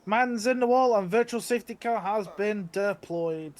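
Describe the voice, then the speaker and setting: A man's voice: high voice, normal speed. A man giving conversational analysis as co-commentator on a live esports race. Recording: noisy mic with droning buzz.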